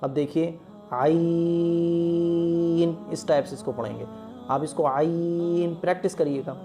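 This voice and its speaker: A man gives a patient Quran lesson, drawing out each letter in one long breath and checking in often with his listeners. His voice sits a little high yet sounds mellow and soft. Faint music plays quietly behind him. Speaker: Quran teacher. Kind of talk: step-by-step lesson teaching Arabic letters.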